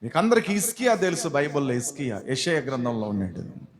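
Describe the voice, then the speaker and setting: A man's voice: medium pitch, sing-song, quick pace, crowd noise. A man preaching an emphatic sermon and acting out stories in different voices. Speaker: pastor.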